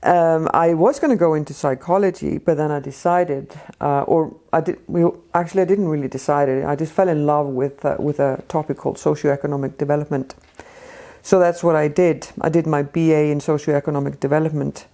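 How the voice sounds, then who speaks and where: A woman in her fifties with an Icelandic accent, speaking as an interview guest in a measured way, with frequent ums and restarts. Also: sits low, steady tone, dark tone. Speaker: guest, Arctic policy expert. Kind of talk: casual interview talk.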